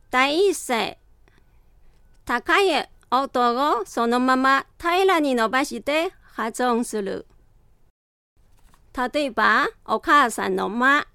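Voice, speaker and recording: A woman teaching a beginner language lesson, explaining sounds carefully and deliberately. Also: sits high, pushed and bright, smooth, no room sound, clean studio sound. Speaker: Chinese language instructor. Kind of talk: slow scripted language lesson.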